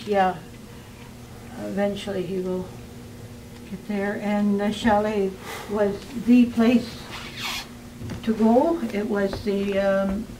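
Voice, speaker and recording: A woman giving an informal museum tour as guide, calm and explanatory, pausing to find her words. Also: mid-range voice. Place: inside a small museum. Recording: noisy on-location recording, varying distance from mic.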